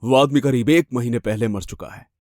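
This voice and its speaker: A man voicing a polite, steady police officer delivering hard news in an animated horror story. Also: medium pitch, moderate pace, no room sound, clean studio sound, pitched below the performer's own voice, natural voice. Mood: calm. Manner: steady, matter-of-fact.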